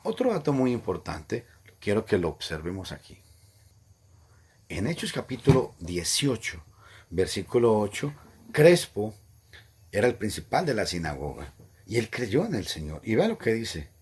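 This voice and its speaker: A man's voice: lowish voice, big pitch swings, normal speed, a little mellow, husky. A man preaching a Bible teaching sermon, emphatic and repetitive, rising sharply when he quotes scripture. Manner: emphatic, repeats points, rises sharply on quoted lines.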